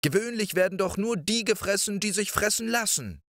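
A small, clever boy hero with a bright, high voice that darts up and down as he talks himself out of trouble, as a man reading a fairy tale puts him on. His lines come fast and lively, full of nimble reasoning. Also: no room sound, clean studio sound. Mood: pleading, reasoning. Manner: high, quick and pleading.

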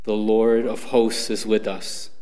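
A middle-aged man reading scripture and psalms aloud at Mass in a formal, deliberate way. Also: lowish voice, flat delivery, warm tone. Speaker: lay reader at Mass. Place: church sanctuary, standing at lectern. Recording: echoing church with long reverb.

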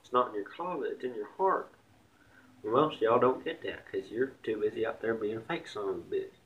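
A man's voice: lowish voice, expressive, fairly quick, dull audio. A young man with a slight Southern country accent, rambling bluntly and swearing in a casual vlog rant. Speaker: vlogger.

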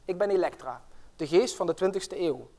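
A man's voice: sits high, lively intonation, normal speed, gravelly, dark tone. A man voicing a magical female spirit in a read-aloud fairy tale, speaking in solemn, formal phrases. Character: magical female spirit of the twentieth century, commanding.

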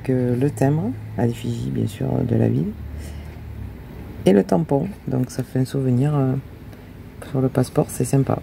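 A middle-aged female travel vlogger with a rumbling low, gravelly voice chats casually while walking through a windy hilltop town outdoors, a little out of breath. She hesitates often and laughs frequently. The rough recording has loud wind noise on the mic.

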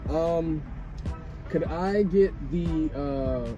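A man's voice: a little high, very slow, over music, low-quality recording. A man in a car, ordering politely at a drive-through with casual, hesitant fillers. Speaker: vlogger.

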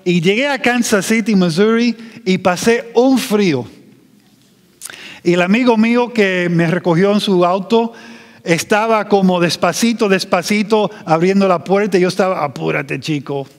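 A man preaching a sermon as pastor, slow and emphatic, drawing out his phrases. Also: high-pitched, long reverb tail.

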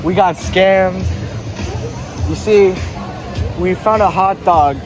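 A teenage boy vlogging casually on a beach and hotel grounds, talking slangy and excitable into a phone held close. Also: high voice, slow pace, rough recording. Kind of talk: casual handheld vlog chatter. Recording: loud music and crowd noise behind.

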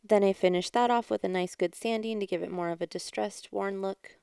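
Soft-spoken woman narrating a craft tutorial. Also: medium pitch, fairly even intonation, a little fast, vocal fry, clear, resonant tone, dry recording, studio quality. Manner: chatty, explaining step by step; quiet, subdued delivery. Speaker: craft channel host. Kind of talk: DIY craft voice-over. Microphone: home voice-over mic.

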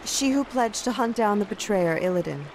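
A woman's voice: mid-range voice, expressive, moderate pace, lightly acted, low-quality recording. An actress playing an earnest young female night elf messenger, speaking formally and urgently in a game cutscene. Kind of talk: video game cutscene voice acting.

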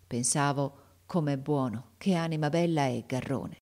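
A woman voicing a gentle, tearful schoolboy in an audiobook, speaking softly. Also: very deep voice, normal speed. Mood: tender.

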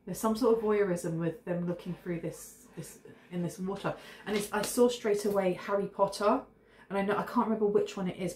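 Sitting indoors in her kitchen, a woman in her thirties reads tarot for the camera while nursing a cold and sniffling. Her voice is lowish and darkish, her manner chatty, intuitive and full of rambling asides, and the room echoes with a faint hiss.

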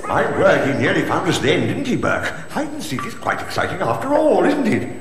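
A man's voice: high voice, huge pitch swings, fairly quick, music in the background. A man voicing a fussy, plaintive talking skull in a cartoon, prim and wordy. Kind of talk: cartoon voice acting. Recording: noisy, echoey old video soundtrack.

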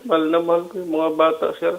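A subdued man with a Filipino accent pleads in short answers over a tinny phone line. His voice is flat and monotone, fairly high for a man. He sounds worn down. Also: quick pace, creaky. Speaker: accused father. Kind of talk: phone interview.

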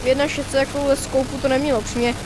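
A man giving casual, rambling commentary while playing a shooter game, excitable and swearing now and then. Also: very high-pitched, noisy background. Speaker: gaming video creator.

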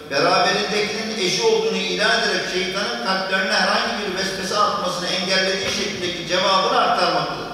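A man with a high, bright voice preaches a sermon into a pulpit microphone. He quotes scripture in Arabic, then explains it. The sound is echoey and distant, picked up across a large hall with faint noise behind. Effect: speaking at a pulpit microphone.

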